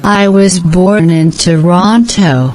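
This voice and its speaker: Slow, measured woman answering drills. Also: lowish voice, darkish tone, slight background noise, poor audio. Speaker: practice dialogue speaker. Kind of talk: scripted language-drill answers.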